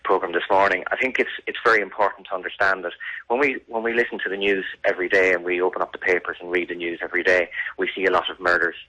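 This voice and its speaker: A man's voice: sits low, little pitch movement, quick pace, pushed and bright, low-quality recording. A man giving serious, earnest answers as an interview guest, emphatic and often repeating words. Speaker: radio interview guest, victim's family campaigner.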